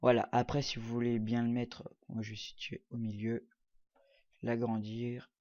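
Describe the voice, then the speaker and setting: A man narrates a screen-recorded software tutorial in a loose, casual way, stopping often on fillers as he clicks through menus. His voice sits at an ordinary middle pitch for a man. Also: completely flat delivery, unhurried. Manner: hesitant, many fillers, talks while clicking. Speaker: tutorial presenter.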